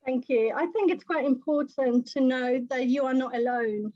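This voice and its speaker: A woman's voice: sits high, moderate pace, warm tone, no room sound, dull audio. A woman from Slovakia with a Slovak accent, a workshop presenter answering questions in an earnest, encouraging way. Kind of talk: answering questions in an online meeting.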